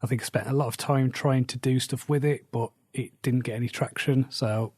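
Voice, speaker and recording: A man's voice: medium pitch, steady tone, brisk, a little mellow, husky, dry recording. A man recording his weekly author diary while losing his voice, sitting still and in pain, talking in a plain, matter-of-fact way. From England. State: losing his voice, slightly rough. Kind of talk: casual spoken diary. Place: indoors, seated at home.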